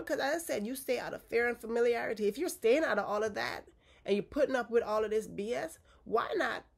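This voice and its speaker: In a casual talk to her viewers, a woman in her forties, congested from a cold, offers straightforward relationship coaching and keeps checking in with "okay?". Her voice is mid-range and gravelly.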